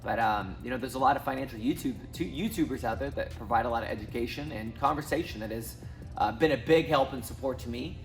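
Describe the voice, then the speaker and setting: Quick and medium-pitched, the voice belongs to a Southwest Missouri man in his thirties who makes finance videos. He talks casually to camera, stumbling through ums and restarts, with faint music in the background.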